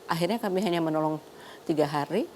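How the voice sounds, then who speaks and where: Older woman telling a story, low-pitched. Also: fast, slight background noise. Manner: lively storyteller, laughs often. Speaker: doctor and guest. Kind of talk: talk show interview.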